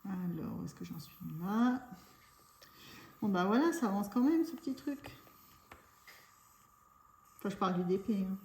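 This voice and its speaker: A woman's voice: medium pitch, lively intonation, moderate pace, pauses often, warm tone. A woman chatting casually for her craft channel, rambling along with lots of fillers. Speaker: craft YouTuber. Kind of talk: casual chat. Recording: echoey room.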